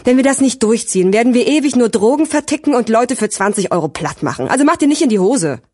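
A woman's voice: sits high, very animated, brisk, dry recording, clean studio sound, pitched above the performer's own voice. Woman voicing a hot-headed teenage boy gangster. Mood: angry. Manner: snapping, aggressive, bossy. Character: hot-headed fourteen-year-old boy gangster, bossy. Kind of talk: audiobook character voice.

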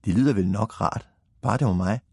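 Brief: man reading as a mild storybook mum, soft-spoken and husky. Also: lowish voice, no room sound, clean studio sound. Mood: gentle. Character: kindly mother, calm and gentle.

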